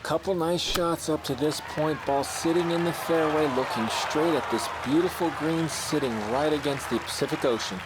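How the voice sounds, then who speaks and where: A man's voice: on the high side, moderate pace, hardly any pauses, natural voice. A man reporting as an on-course golf commentator, describing the lie of the ball. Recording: loud outdoor crowd noise behind. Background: loud crowd and outdoor ambience.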